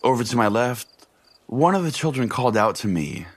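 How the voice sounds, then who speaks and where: A podcast host with a medium-pitched, sing-song voice tells a scripted comic story in the first person at a brisk clip. His delivery is mock-solemn and profane.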